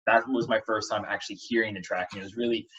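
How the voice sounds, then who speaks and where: A man's voice: fairly low pitch, flat delivery, fast, a bit bright. Easygoing male host, dull lo-fi sound. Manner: easygoing, agreeable. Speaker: radio host. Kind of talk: casual interview chat. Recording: dull lo-fi audio.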